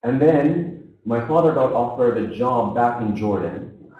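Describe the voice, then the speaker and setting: A seminar speaker in his thirties recounts his life story in a motivational talk, his mid-range voice unhurried with lively intonation, and he performs the voices of the people he quotes. The phone-quality recording, captured from far off in an echoey seminar hall, catches it all.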